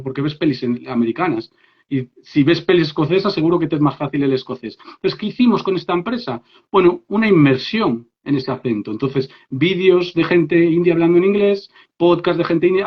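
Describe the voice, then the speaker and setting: Speaking with a Spanish accent in a voice on the high side, a man from Spain runs a lively, informal live online workshop on business English. He addresses listeners directly and checks in often, heard through a phone or laptop mic as dull lo-fi stream audio.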